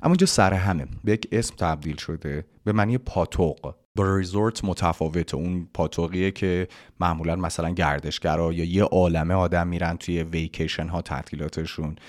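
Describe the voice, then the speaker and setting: A man from Iran, teaching an English pronunciation lesson and reading English phrases slowly and carefully. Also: sits low, fairly even intonation, a little mellow. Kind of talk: language lesson explaining pronunciation.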